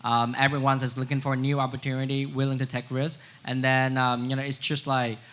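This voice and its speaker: A man from Vietnam answers on a conference panel in a flat, even tone. He talks haltingly, leaning on fillers as he goes. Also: medium pitch. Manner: halting, many fillers like "you know". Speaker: panelist, crypto wallet founder.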